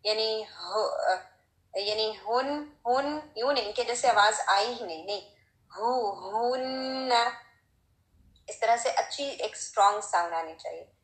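A woman giving a recitation lesson, talking slowly and patiently and demonstrating sounds with a strong, breathy h. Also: mid-range voice, a bit bright, echoey room, poor audio. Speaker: Quran recitation teacher. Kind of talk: Tajweed lesson.

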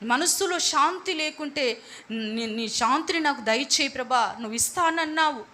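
High bright-voiced woman preaching. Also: moderate pace. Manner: repetitive, exhorting, asks and answers own questions. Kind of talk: sermon.

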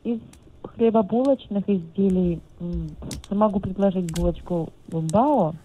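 A woman speaking over the phone as a restaurant order taker, polite and formal, with small hesitant pauses. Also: mid-range voice, a little hiss or hum. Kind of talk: customer service phone call, taking an order. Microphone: telephone. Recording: tinny, narrow phone line.

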